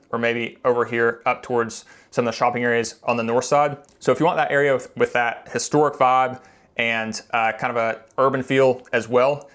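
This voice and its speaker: A man's voice: medium pitch, fairly bright tone. A man from Tennessee presenting in a casual, explanatory way, pointing things out conversationally as a local guide. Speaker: local real estate video presenter.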